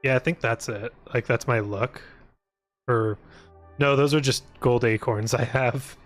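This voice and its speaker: With faint music behind him, a man streams a video game, his medium-pitched voice steady and a little slow. He rambles casually, jokes, and thinks out loud while playing.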